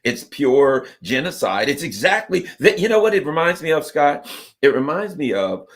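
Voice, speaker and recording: A man hosting an interview, animated and sarcastic, acting out mocking voices as he argues. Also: fairly high pitch, moderate pace. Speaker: show host. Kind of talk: conversational interview.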